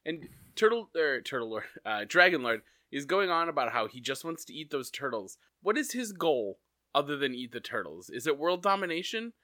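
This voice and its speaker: Bright-voiced man chatting about a cartoon. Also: on the high side, big pitch swings, moderate pace, no echo, studio quality. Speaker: podcast co-host. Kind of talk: casual chat recapping a cartoon episode.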